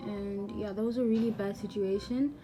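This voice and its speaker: A young woman vlogger telling a rambling, animated storytime and repeating herself. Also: medium pitch, moderate pace, faint music behind. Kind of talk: storytime vlog.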